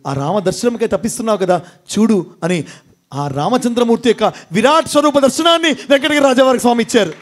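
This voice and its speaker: A man gives a fervent devotional sermon to a gathering, his voice pitched high for a man. He reels off long chains of titles and keeps asking his listeners questions. Now and then he breaks into chants and call-outs. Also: animated, fast. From India. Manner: fervent, chanting lists of epithets, quizzing the audience. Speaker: devotional speaker.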